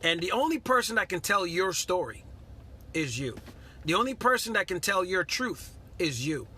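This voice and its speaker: A middle-aged Guyanese man greets viewers by name while giving an earnest, repetitive, casual motivational talk on a live stream. He has a high, sing-song, bright voice with a forceful tone at normal speed, over a little hiss or hum.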